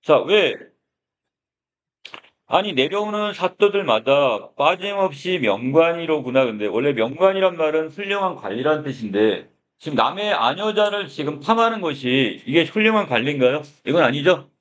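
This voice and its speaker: A man's voice: on the high side, sing-song, brisk, a bit bright, lo-fi sound. A male middle school Korean teacher giving a literature lecture, opening his points with "자," and asking his students questions. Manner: explains with many "자," prompts and questions to students.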